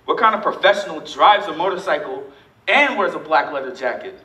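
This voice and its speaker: A man on stage playing a gruff, excitable, bossy flower shop owner, loud and blustering, recorded from out in the auditorium. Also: a little high, fairly quick. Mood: disapproving. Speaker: stage actor. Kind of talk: stage musical theatre dialogue. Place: school stage, recorded from the audience. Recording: distant echoey theatre auditorium recording.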